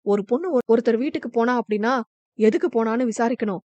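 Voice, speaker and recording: A woman's voice: on the high side, fast, dark tone, dry recording, lightly acted. A woman voicing an outspoken young village woman who snaps back sharply and indignantly. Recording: dull, dry lo-fi recording.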